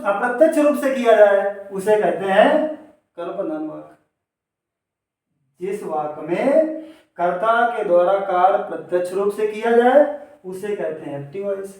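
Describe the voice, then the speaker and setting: A man with a high voice teaches a grammar lesson. The room is very echoey, and he sounds some distance from the microphone. He explains each point step by step and answers his own questions. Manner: addresses students directly. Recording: echoey room, voice away from the mic.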